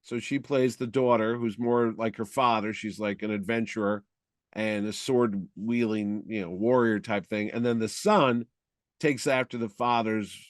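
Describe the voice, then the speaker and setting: A man's voice: fairly low pitch, steady tone, unhurried, no room sound, studio quality. A middle-aged man co-hosting a casual film-review chat, rambling and opinionated. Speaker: podcast co-host.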